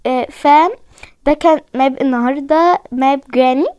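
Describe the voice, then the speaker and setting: High-pitched, a little mellow, and slightly fast, this voice belongs to a young gaming video host with an Egyptian Arabic accent. She chats casually with viewers while playing a horror game, often saying she's scared. The recording is dry.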